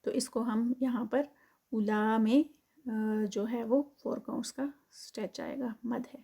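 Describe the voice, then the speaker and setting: A woman's voice: fairly high pitch, steady tone, gravelly, mellow, breathy edge. A woman walks through Quranic recitation rules letter by letter. Her tone is patient and methodical, like a teacher leading a class, and she sets each explanation out step by step. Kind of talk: tajweed lesson, explaining then reciting.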